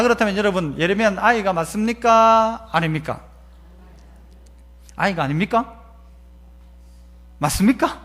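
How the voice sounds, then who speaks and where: A man's voice: very high-pitched, sharp tone. A male pastor, preaching a sermon and asking the congregation question after question. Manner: acts out quoted voices. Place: church sanctuary.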